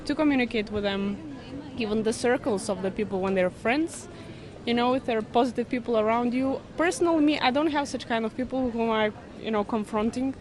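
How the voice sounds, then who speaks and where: A woman interviewed on the street, giving her opinion in halting, earnest English full of fillers. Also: a little high, a little mellow. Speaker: passer-by interviewee.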